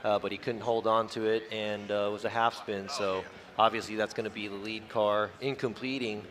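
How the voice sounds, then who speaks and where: A man's voice: on the low side, level tone, brisk, crowd noise. A middle-aged man giving color commentary as a former driver, laid-back and reflective, with many fillers. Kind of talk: live motorsport commentary.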